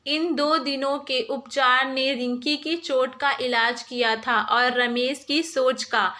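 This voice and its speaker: Woman storyteller, measured and gentle, bright high voice. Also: steady tone. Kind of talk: scripted story narration.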